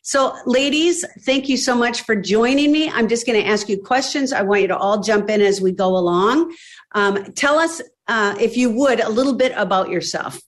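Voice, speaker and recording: A woman's voice: on the high side, moderate pace. A woman hosting a podcast, talking emphatically and rallying her listeners. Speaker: podcast host. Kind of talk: enthusiastic advocacy talk.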